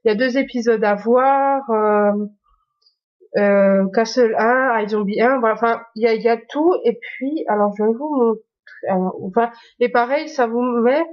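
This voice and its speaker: A woman's voice: on the high side, normal speed, muffled recording. A woman chatting casually through the apps on her phone, hesitant with many fillers and restarts. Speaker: YouTuber. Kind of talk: casual phone tour vlog.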